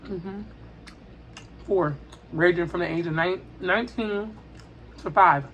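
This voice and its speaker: A woman chatting casually and emphatically to her viewers while eating, repeating phrases and pausing with little mm sounds. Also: fairly low pitch, dull audio, a little hiss or hum. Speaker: mukbang vlogger.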